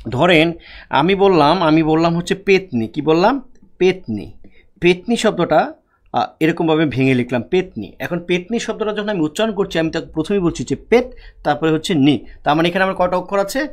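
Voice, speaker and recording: A man teaches an online class, and his voice sits fairly high for a man. He walks through words syllable by syllable, repeating his own questions and then answering them. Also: animated, a little fast. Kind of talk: online lecture on Bengali prosody.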